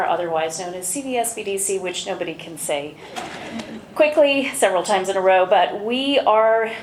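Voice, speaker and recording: Female presenter, eager and quick, voice ringing through a big echoey hall with faint room noise. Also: medium pitch. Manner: enthusiastic, brisk. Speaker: award presenter. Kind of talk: presentation speech. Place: large event hall.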